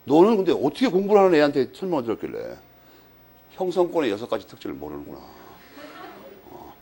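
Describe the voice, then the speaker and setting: A man's voice: on the high side, sing-song, fast talker, mellow, a little hiss or hum, pitched below the performer's own voice. A man acting out a stern older male moneylender who lectures a young man in a condescending, scolding way.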